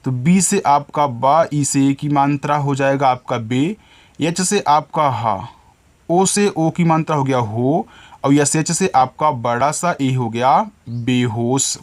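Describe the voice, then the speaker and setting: A man's voice: mid-range voice, slow. A male teacher giving a spelling lesson, sounding words out letter by letter and addressing his viewers as children.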